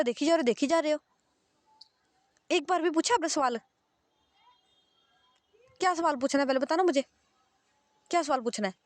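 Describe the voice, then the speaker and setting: A woman's voice: high-pitched, no echo, close to an everyday voice. A woman voicing a hot-tempered young female employee who scolds her boss, repeating herself in exasperation.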